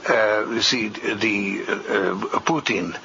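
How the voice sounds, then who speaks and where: Halting, gravelly low-voiced man. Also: background noise. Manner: hesitant, halting, many fillers. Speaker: interviewee in an archive clip. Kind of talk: interview. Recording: lo-fi rebroadcast clip.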